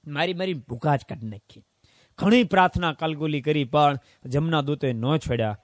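A middle-aged man preaching a sermon as a swami, telling stories and swinging between hushed asides and loud exclamations. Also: on the high side, normal speed, no echo, clean studio sound. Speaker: swami preaching at a devotional camp.

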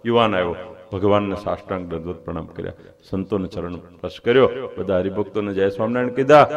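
A man's voice: sits low, quick pace, lo-fi sound. Man telling a devotional story. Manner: dramatic, voices characters in the story. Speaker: preacher. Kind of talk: devotional storytelling sermon with sung hymn. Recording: clear music behind.

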